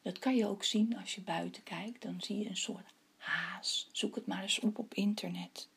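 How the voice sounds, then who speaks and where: A woman's voice: mid-range voice, steady tone, moderate pace, creaky, fairly bright tone, slightly rough. A woman reading a legend aloud and then talking to her listeners, giving them a task. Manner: addresses listeners with tasks. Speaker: storyteller.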